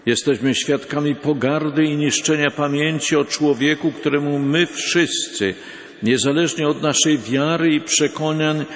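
Male orator, mid pitch, grave tone, long hall reverb. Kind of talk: public speech.

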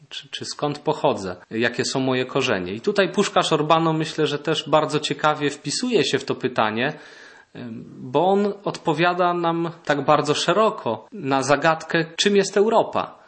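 A man's voice: on the high side, expressive, moderate pace, a bit bright. A man, an actor and guest, reading a historical text and then talking thoughtfully with some hesitations. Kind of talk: reading then interview talk.

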